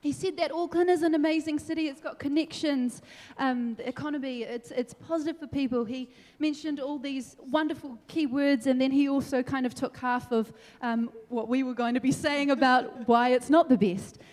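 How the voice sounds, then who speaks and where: A young woman from New Zealand giving an energetic, animated debate speech, laughing between points. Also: high voice, normal speed, few pauses. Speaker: debate speaker. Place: large council meeting hall. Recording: long hall reverb.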